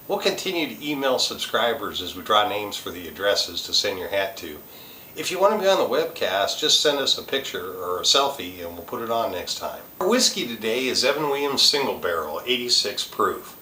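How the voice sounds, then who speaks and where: A man's voice: fairly low pitch, very animated, normal speed, sharp tone, echoey room, far from the mic, a little hiss or hum, low-quality recording. A man hosting a show, reading out a scripted product review with tasting notes in a listing delivery. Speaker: host.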